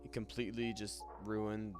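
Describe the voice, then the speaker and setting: A man's voice: lowish voice, little pitch movement, normal speed. A young man co-hosting a casual movie review chat, hesitant and full of ums and restarts. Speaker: co-host. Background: lo-fi music.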